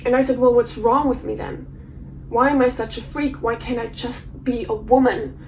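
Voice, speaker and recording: A woman's voice: on the high side, steady tone, normal speed, darkish tone, lightly acted, poor audio. Actress as a defiant woman, impassioned rhetorical questions, dramatic monologue, faint background noise. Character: defiant woman who resents being seen as nice. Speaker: actor in a showreel scene.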